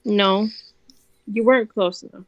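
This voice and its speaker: Chatting casually during a co-op game stream, a young woman exclaims easily in reaction to the action. She speaks at a medium pitch and measured pace, and the sound is lo-fi.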